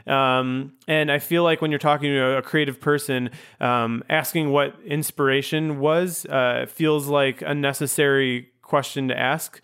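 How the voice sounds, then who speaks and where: A man's voice: mid-range voice, steady tone, a little slow, hardly any pauses, fairly bright tone, smooth. A man hosting a podcast, talking casually and rambling with many ums and restarts. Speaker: podcast host. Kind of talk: casual interview chat.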